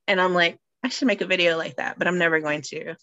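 A woman chatting casually on a podcast, telling stories in an animated way and laughing often. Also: on the low side, a little fast, dry recording, dull audio.

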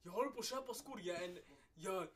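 A young man co-hosting a podcast, chatting casually and telling an animated story full of street slang and swearing. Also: sits high. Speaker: podcast co-host. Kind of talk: casual chat. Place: podcast recording room.

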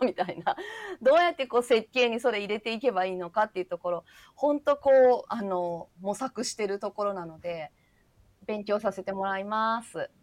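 A woman with a Hakata accent chatting casually on a livestream, laughing often and slipping into dialect. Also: mid-range voice.

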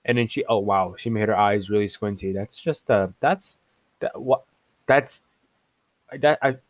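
A young man giving casual reaction commentary, excitable and mocking, often laughing and jumping up in pitch in disbelief. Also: unhurried, dry recording. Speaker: online commentator.

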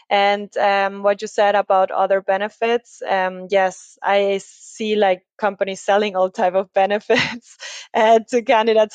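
A woman of middle pitch gives relaxed, chatty explanations as a podcast guest. She keeps checking in with tag questions and loose fillers as she talks. Her voice is close and dry, with no room echo. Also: highs cut off. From Ecuador. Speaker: recruiting agency founder, podcast guest. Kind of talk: conversational podcast interview.

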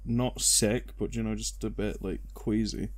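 A man's voice: fairly low pitch, flat delivery, measured pace. A young man on a podcast, laid-back and a little hesitant as he tells things in casual chat. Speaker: podcast guest.

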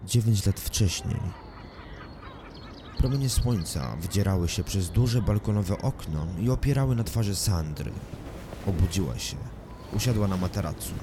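A man with a low voice narrates a first-person thriller audiobook, calm and measured. A steady noise bed with chirping crickets runs under every line.

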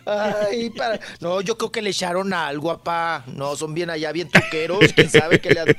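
A man's voice: high-pitched, moderate pace, fairly bright tone. A man with a Mexican accent, an entertainment reporter on a radio show, bantering with lots of sighing exclamations.

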